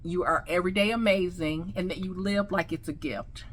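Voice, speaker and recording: In this casual selfie vlog, a woman with a slight lisp chats effusively about her new teeth as a customer sharing her experience. Her lowish voice is steady in tone and moves at a normal speed, with a little hiss or hum in the audio.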